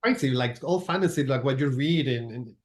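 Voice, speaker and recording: A Venezuelan man, a makeup artist appearing as a guest, chats loosely in a casual interview. His mid-range voice moves fairly quickly. He rambles, using lots of fillers and restarts, and slips into Spanish.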